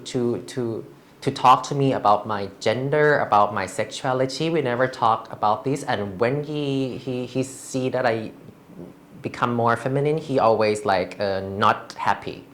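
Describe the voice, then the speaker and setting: Slow, halting woman from Thailand. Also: very deep voice, a little hiss or hum. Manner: hesitant, halting, frequent restarts. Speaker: interview guest. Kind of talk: candid personal interview.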